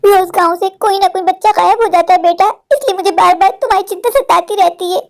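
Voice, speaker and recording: A woman's voice: very high-pitched, quick pace, gravelly. A woman voicing an anxious, possessive village mother in a cartoon, doting and insistent with her daughter. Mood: tender. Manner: doting, insistent, says "meri jaan". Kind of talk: Hindi cartoon voice acting.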